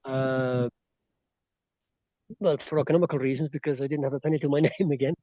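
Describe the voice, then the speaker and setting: Being interviewed on a rural property in Bolivia, a man from Belgium, whose accent has a slight Irish tinge, rambles casually, full of fillers and restarts. His mid-range voice is warm and steady, a little fast. The recording is rough but has no echo.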